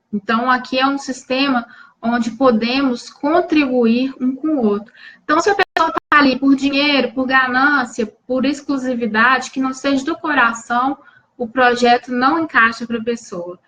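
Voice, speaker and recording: A woman's voice: high-pitched, normal speed, a bit bright, rough recording. A woman from Brazil hosting a live stream, coaching viewers in an earnest, restarting way and answering them by name.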